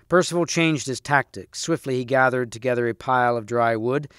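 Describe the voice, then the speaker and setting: A man reading a storybook aloud to students, steady with small slips and restarts. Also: medium pitch, smooth, no echo, studio quality. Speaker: reader.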